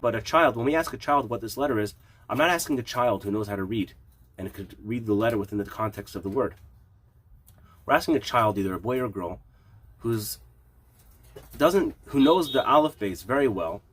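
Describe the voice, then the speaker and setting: A man's voice: fairly low pitch, brisk, long pauses. A man teaching like a rabbi in an informal, explanatory lesson, with a questioning manner of posing questions and answering them. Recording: clear background noise.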